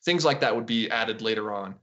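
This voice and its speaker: A man co-hosting a podcast over a video call, chatting casually and laughing between quick asides. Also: on the low side, sharp tone, muffled recording. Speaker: podcast co-host. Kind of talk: casual chat.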